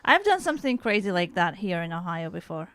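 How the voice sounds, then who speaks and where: Brief: young woman host, chatty and smooth, dry close mic. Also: on the low side, sing-song, fairly quick, fairly bright tone, no room sound. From Iraq. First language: Arabic. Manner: chatty, switches between English and Arabic. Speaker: podcast host. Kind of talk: casual chat. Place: home podcast setup in Ohio.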